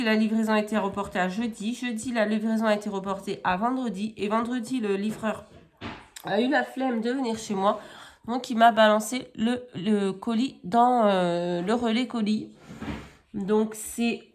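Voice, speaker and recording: Her darkish, steady voice on the high side carries this relaxed crafting haul vlog, where the woman displays items at home. She chats unhurriedly, wanders off topic, fixes her own words, and fills gaps with many fillers.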